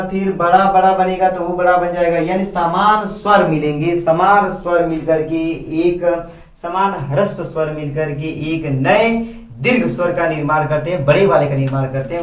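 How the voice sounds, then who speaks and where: A man with a fairly high voice teaches a grammar lesson. He repeats himself and asks questions that he answers himself. He is recorded from a distance in an echoey room.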